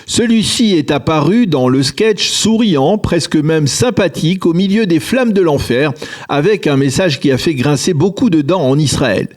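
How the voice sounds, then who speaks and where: A man presenting a scripted news commentary in a measured, editorial reading. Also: fairly high pitch, lively intonation, a little mellow.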